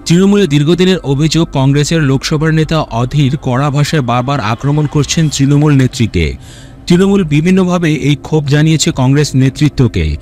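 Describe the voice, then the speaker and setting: A man reading a scripted news voice-over in an even, reading tone. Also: fairly high pitch, a little fast, faint music behind. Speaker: news narrator.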